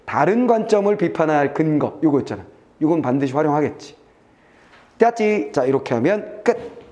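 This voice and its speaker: A male Korean exam-prep teacher walking students through a test passage, reading lines aloud and checking in with quick asides that trail off low. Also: dark tone. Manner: brisk and chatty, reads aloud then checks "됐지?" and trails off low.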